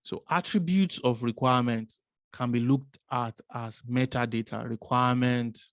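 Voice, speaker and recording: A man's voice: medium pitch, fairly even intonation, normal speed, no echo, clean studio sound. Man lecturing with frequent "right?" checks. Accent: non-American English. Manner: repeats "right?" often, asks rhetorical questions. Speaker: business analysis instructor. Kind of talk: explanatory course lecture.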